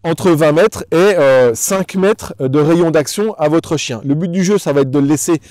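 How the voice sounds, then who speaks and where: Addressing the viewer directly, a male dog trainer teaches in an instructional tutorial. His somewhat high voice is a little mellow and moderately paced, with no room sound.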